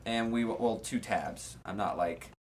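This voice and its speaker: A man's voice: on the low side, unhurried, slight background noise. A man co-hosting a podcast, reading quiz questions aloud and adding sarcastic asides in casual chat.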